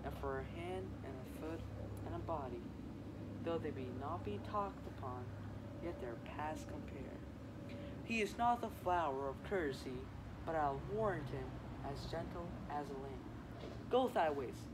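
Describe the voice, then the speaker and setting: A teenage boy with a highish voice and lively intonation plays a weary, teasing old woman nurse in a school Shakespeare reading, speaking at a measured pace. He draws out her complaints about her aches, and there's background noise.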